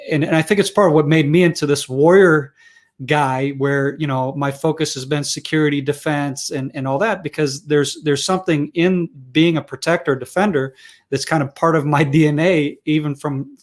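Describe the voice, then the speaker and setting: A man's voice: fairly high pitch, steady tone, normal speed. A middle-aged man born and raised in Israel, talking through his story as an interview guest, with lots of restarts and fillers. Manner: rambling, frequent restarts and fillers. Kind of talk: conversational interview.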